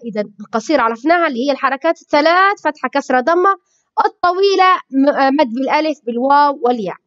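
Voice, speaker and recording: A high-voiced woman with a Libyan Arabic accent leads a children's phonics lesson, her pitch swooping lively from sound to sound. She stretches each syllable slowly and says every sound twice. The recording is dull and lo-fi. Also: no room sound. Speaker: Arabic reading teacher.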